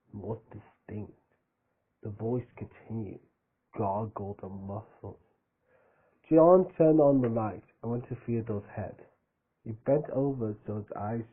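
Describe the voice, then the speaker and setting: A man with a fairly low, slightly rough voice reads a fan story aloud, stumbling over words and breaking off for joking asides. He's a fan fiction reader, and the audio sounds tinny, like a phone.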